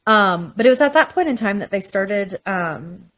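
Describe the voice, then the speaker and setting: A woman's voice: medium pitch, animated, normal speed, fairly bright tone, low-quality recording. A woman telling her story as a podcast guest, chatty, with frequent ums and restarts. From Canada. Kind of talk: casual interview chat.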